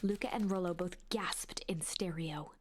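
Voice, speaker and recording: A woman narrating a cozy mystery game in a scripted storybook style, often dropping to a hushed whisper. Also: fairly low pitch, a little slow. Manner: drops into a hushed whisper at tense moments. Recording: loud game music behind.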